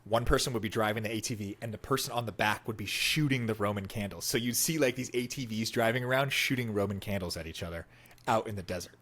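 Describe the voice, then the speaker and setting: A man's voice: fairly low pitch, fast talker, a bit bright. A young man co-hosting a podcast, chatting casually and teasing his friend, saying "bro" and "dude" a lot. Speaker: podcast co-host. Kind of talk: casual chat.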